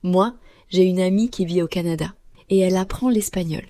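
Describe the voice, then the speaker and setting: A woman co-hosting a learners' podcast, speaking clearly and slowly like a teacher. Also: fairly low pitch, dark tone, no room sound. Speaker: podcast co-host. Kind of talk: scripted podcast dialogue for learners.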